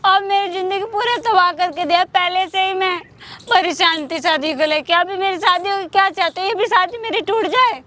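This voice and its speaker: A woman's voice: very high-pitched, normal speed, bright, forceful tone, a little hiss or hum. A young actress playing a newly married woman who pleads to be left alone, in a short-film drama. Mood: pleading. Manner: pleading, protesting.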